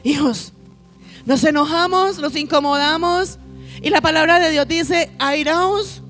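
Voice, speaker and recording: A woman pastor with a high voice preaches a sermon, pressing each point by repeating her phrases and calling the congregation her children. Faint music plays behind her. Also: a little slow, fairly bright tone. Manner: emphatic, repeats phrases, addresses listeners as children.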